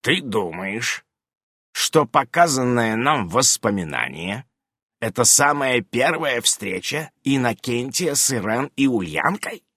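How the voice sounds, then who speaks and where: Мужчина-чтец изображает задумчивого рассудительного наставника. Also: male voice, medium pitch, sing-song, slow pace, bright, forceful tone, no echo, studio quality, heavily acted. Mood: thoughtful.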